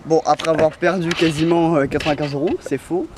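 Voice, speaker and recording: Out in the sun, a parkour video creator talks casually through his stunts, thinking aloud in fragmented bits. His fairly high, steady voice runs a little fast, and the recording is very noisy, with loud music over his speech.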